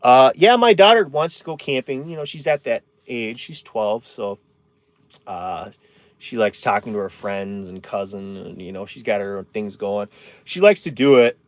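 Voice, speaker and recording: A man's voice: fairly low pitch, animated, moderate pace, no room sound. A man in his thirties chatting casually on a live stream from inside his camper van, rambling and answering viewer comments.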